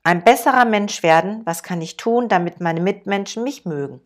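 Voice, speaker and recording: A woman's voice: medium pitch, normal speed, close to an everyday voice. A woman reading the pleading lines of an insecure young man.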